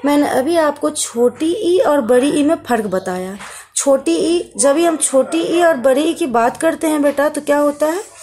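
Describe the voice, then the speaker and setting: Woman primary teacher, high and slow, patient, stretches each syllable for small kids. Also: animated, dark tone. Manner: patient, drawn-out sounding of syllables, calls listeners beta. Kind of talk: online Hindi lesson for young children.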